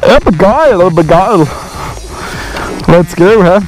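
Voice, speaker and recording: A man's voice: sits high, animated, slow pace, faint music behind, low-quality recording. A man, a motorcycle vlogger chatting and teasing outdoors at a mountain pass. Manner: teasing, joking. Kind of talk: casual chat.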